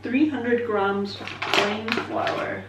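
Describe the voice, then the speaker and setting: A young Scottish vlogger in her twenties chats casually while baking in her home kitchen, rambling and self-deprecating with plenty of ums and likes. Her voice sits on the high side and she talks extremely slowly. The camera is set up away from her, so she sounds distant and off-mic in an echoey kitchen, and the recording is very noisy.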